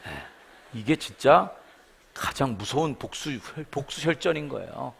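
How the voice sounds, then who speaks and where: Animated middle-aged man preaching a sermon. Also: fairly high pitch, vocal fry. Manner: animated storytelling, acting out quoted voices. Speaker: guest revival preacher. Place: church sanctuary.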